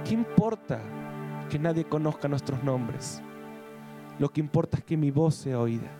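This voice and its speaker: A man preaching a sermon with an Argentine accent. He reads scripture slowly and emphatically, then moves into quick conversational asides. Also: on the high side, animated, over music. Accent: Argentine Spanish.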